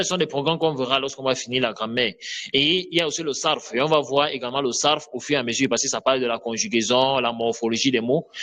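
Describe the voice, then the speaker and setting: A man teaching an online Arabic lesson, explaining slowly and checking often that students follow. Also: a little high, a bit bright.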